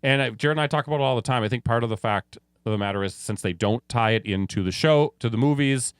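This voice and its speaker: A man's voice: mid-range voice, quick pace, clear, resonant tone, dry recording, studio quality. A man co-hosting a TV podcast, chatting casually and offering opinions with frequent restarts. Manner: conversational, trails off and restarts, opinionated. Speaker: podcast co-host. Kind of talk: casual chat.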